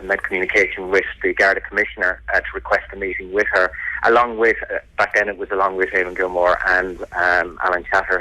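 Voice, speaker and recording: Low-voiced Irish man, earnest and halting. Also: sharp tone, no room sound, rough recording. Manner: earnest, determined, halting and hesitant delivery. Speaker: interviewee, family campaigner. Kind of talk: radio interview.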